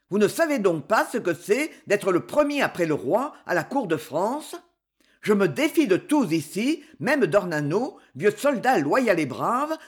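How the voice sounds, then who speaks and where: A reader voicing a suspicious, commanding fifteen-year-old king in an audiobook, with stern, threatening lines and weighty pauses. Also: medium pitch, slightly rough. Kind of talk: audiobook character reading.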